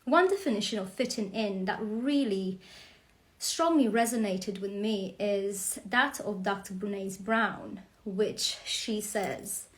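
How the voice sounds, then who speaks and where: A woman from Romania in her forties talks through her first live stream. She goes at an unhurried, careful pace, pausing often with fillers as she finds her words. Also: mid-range voice. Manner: slow, hesitant, with many fillers. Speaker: host.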